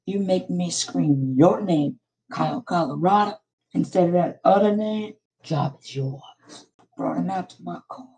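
A woman acting a sleazy, scheming former coworker with a hoarse voice, confiding in a comedy sketch. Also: measured pace, mellow, low-quality recording. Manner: conspiratorial, confiding to listeners in a lowered voice.

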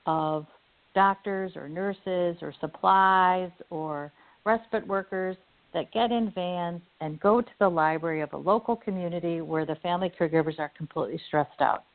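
Midwestern woman host, low-ish voice, earnest storyteller, phone-quality audio. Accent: Midwestern American. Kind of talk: conversational interview. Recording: phone-like lo-fi line.

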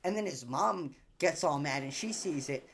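A man's voice: on the high side, lively intonation, moderate pace, a little hiss or hum. A man from Canada, a podcast guest, telling loose stories in casual chat with lots of swearing and filler words.

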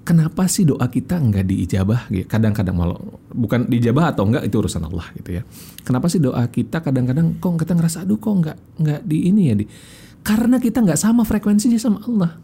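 Male guest, husky dark voice, lively teacher delivery. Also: mid-range voice, fast talker. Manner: explanatory, animated, acts out examples. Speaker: communication speaker, guest. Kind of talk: casual interview chat.

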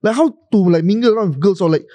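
A young Singaporean man chats in casual Singlish sprinkled with Malay slang. His voice is fairly high but soft and mellow, recorded close and dry. He teases and repeats himself to press a point. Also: rapid-fire, no room sound. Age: young adult.

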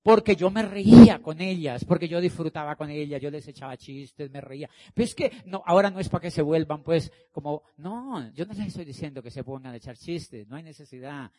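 A man's voice: a little high, a little fast, hardly any pauses, mellow. A middle-aged man speaking to an audience as a motivational speaker. He acts out the dialogue and hammers his points home with emphatic repetition. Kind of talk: animated storytelling talk.

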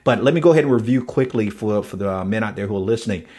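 A man's voice: lowish voice, animated, very fast, darkish tone, husky. A man hosting a faith talk show, earnestly recapping his guest's points and often repeating his words as he talks. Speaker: podcast host. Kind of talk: conversational interview.

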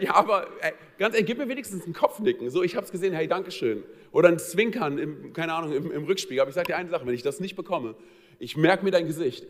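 A man delivers a sermon in a fast, conversational flow, talking directly to his congregation and telling funny stories with lots of fillers. His voice sits a little high. A long reverb from the church hall trails behind him. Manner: conversational, talks straight to the congregation; humorous storytelling with frequent fillers. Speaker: pastor. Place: church service.

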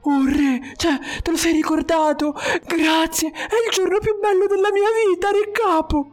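A narrator voicing a carefree young man working as a costumed knight, with slangy, stumbling, drawn-out speech over faint music. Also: medium pitch, darkish tone, husky. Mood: overjoyed.

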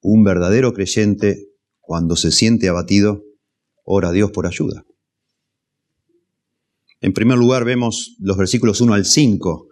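Low-voiced preacher, measured. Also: male voice, darkish tone. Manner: measured, repeats key phrases for emphasis. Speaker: pastor. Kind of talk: expository sermon.

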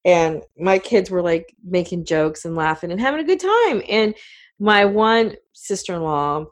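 A woman's voice: lowish voice, animated, a little slow. Chatty middle-aged woman telling stories. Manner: chatty, storytelling, many fillers. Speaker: radio show co-host. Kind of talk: casual chat.

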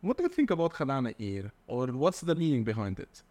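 A man's voice: medium pitch, wildly swooping pitch, quick pace, a little mellow. A man with an Egyptian Arabic accent, teaching in a conversational lesson, explaining words didactically with repetition and translated examples. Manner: didactic, repeating key words and translating them.

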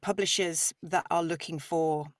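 Low-voiced woman, dry distant mic. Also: steady tone, a little slow, dry recording. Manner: enthusiastic, expansive explaining. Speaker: audiobook narrator, guest. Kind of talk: conversational podcast interview.

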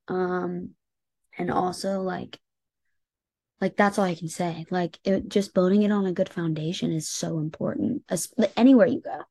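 A woman's voice: fairly low pitch, mellow. A woman with an American accent talking casually and earnestly as an interview guest, reflective, often dropping in "like" and "you know". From United States. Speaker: interview guest, singer-songwriter.

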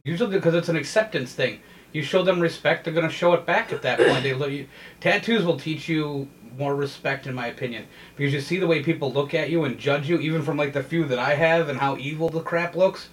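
A man's voice: fairly high pitch, brisk, distant mic, slight background noise. A man in his thirties hosting a casual chat, joking loosely and laughing often. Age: 30s. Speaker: podcast host.

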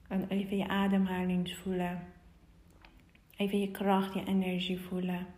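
A woman podcast host leading a guided meditation in a calm, soothing, unhurried manner. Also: medium pitch. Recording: roomy echo, music behind the voice. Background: meditation music.

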